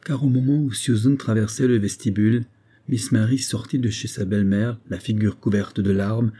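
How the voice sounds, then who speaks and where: A man's voice: on the low side, steady tone, moderate pace, warm tone, breathy edge. A man reading an audiobook voices a tender carpenter's wife who pleads tearfully and speaks deferentially, calling her listener "sir". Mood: sorrowful. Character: tender, tearful carpenter's wife, middle-aged servant woman.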